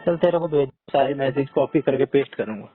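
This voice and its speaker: A man's voice: mid-range voice, brisk, husky. Frustrated rambling man, tinny sound. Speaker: podcast co-host. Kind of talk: casual chat. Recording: tinny phone-like sound with faint music.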